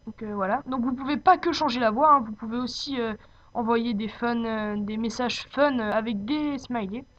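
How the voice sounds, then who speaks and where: Girl doing a homemade software tutorial, kinda high voice, hesitant and unscripted, muffled lofi mic. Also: normal speed. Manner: hesitant, searching for words. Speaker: tutorial presenter. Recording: dull lo-fi home microphone.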